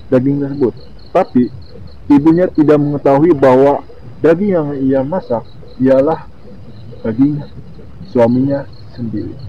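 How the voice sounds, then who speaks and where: A man with a lisp that slurs his r, casually reading horror stories in a halting, informal way with his own asides. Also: medium pitch. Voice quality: lisp, slurred r. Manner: informal, halting reader who comments on the story. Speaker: video host. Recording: muffled lo-fi, clearly noisy with insect-like sounds.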